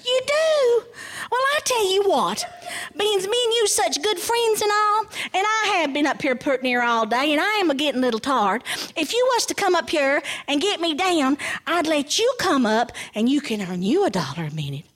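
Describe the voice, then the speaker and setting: Woman acting sly male rabbit, very high pitch, wheedling Southern American drawl, excitable, lively swoops, folktale character. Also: moderate pace. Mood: wheedling, excited. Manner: hollering, wheedling, folksy dialect.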